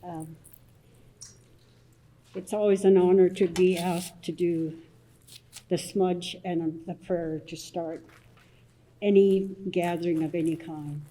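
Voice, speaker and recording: An older woman elder from southern Alberta explaining a smudge ceremony at a public assembly, soft-spoken with many pauses and restarts. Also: fairly low pitch, fairly even intonation, a little hiss or hum, rough recording. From Blood Tribe, southern Alberta, Canada.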